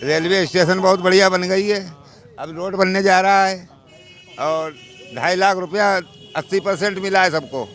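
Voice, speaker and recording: A man's voice: high voice, fairly even intonation, moderate pace, fairly bright tone. An older man speaks in a slightly raised voice. He is emphatic, saying each point twice to drive it home. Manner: emphatic, repeats his points. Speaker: local resident interviewed on the street.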